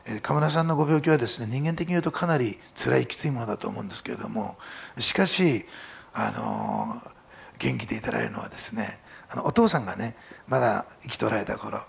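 A man's voice: fairly low pitch, very animated, a little fast, vocal fry, slightly rough. A middle-aged man preaching a sermon as a pastor, earnest and building to emphatic climaxes.

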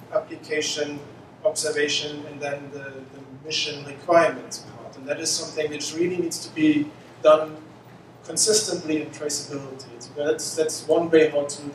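Man on an echoey conference panel. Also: on the high side. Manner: halting, many fillers and restarts. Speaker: panelist, mission scientist. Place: conference room, indoors. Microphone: handheld mic. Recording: echoey hall, mic from far off, noisy.

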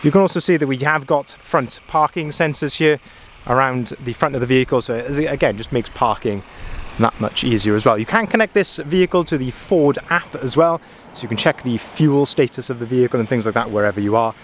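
A man's voice: mid-range voice, animated, a little fast, slight background noise. A man, a car sales manager, giving a chatty, enthusiastic walkaround review of a pickup truck, recorded on a handheld camera. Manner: chatty, enthusiastic, frequent ums and uhs. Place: inside a pickup truck, then outdoors at a dealership yard.

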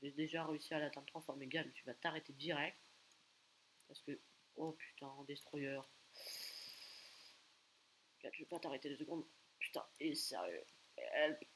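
At his computer, a gaming creator with a voice on the high side comments live on gameplay at normal speed, often pausing, then erupting loudly to taunt players and repeat exclamations. The poor audio has a faint hiss.

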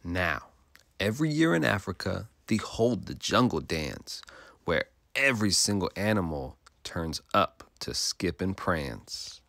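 A man's voice: low-pitched, big pitch swings, a little slow, vocal fry, fairly bright tone. A male teacher reading a rhyming picture book aloud to children in a sing-song way, stopping to ask them questions.

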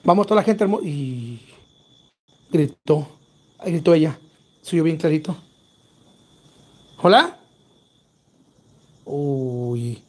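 A man with a Mexican accent hosting a live paranormal investigation stream, urgent, calling out loudly to a spirit and then dropping to hushed whispers. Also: on the high side, lively intonation, slow pace, pauses often. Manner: urgent, shifts between loud calls to a spirit and hushed whispers. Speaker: paranormal livestream host.

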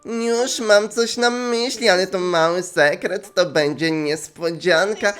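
A man voicing a gentle schoolgirl who calms her friend in a soft, motherly tone, for a game dub. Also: high voice, slow pace. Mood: soothing.

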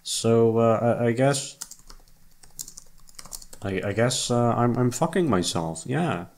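Background music runs under the talk as a young man, a YouTube voice actor who hosts his own channel, rambles to listeners in a medium-pitched, animated, slow and slightly mellow voice. He's hesitant and self-deprecating, cursing freely and letting thoughts trail off.

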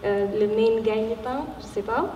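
A young woman with a foreign accent in French, not a native speaker, talking haltingly and searching for words on a panel. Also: a little high, dark tone. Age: young adult. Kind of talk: unscripted panel talk. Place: large warehouse hall with seated audience. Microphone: handheld microphone. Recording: echoey hall, distant, background noise.

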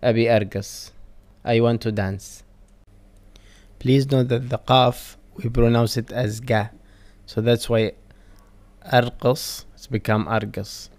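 A man with a Kuwaiti accent reads verb drills for a language lesson, one word at a time. His pace is slow and measured. His voice sits at an ordinary middle pitch. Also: steady tone, a little mellow. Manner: slow, deliberate word-by-word reading. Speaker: Arabic teacher. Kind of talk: reading vocabulary drills.

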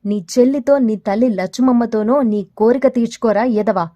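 Defiant young village woman read by a woman storyteller, fairly high voice, scolding tone, audio story. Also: normal speed, dark tone, dry recording, muffled recording, close to an everyday voice. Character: young village woman student, bold and proud.

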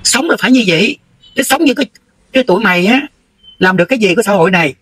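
A high-voiced, middle-aged man with a Southern Vietnamese accent, holding forth in a scolding, confrontational livestream rant. His voice is husky and a little rough at the edges. He presses each point bluntly, as if lecturing someone directly in front of him. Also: lively intonation, very fast, a bit bright, rough recording. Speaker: livestream host.

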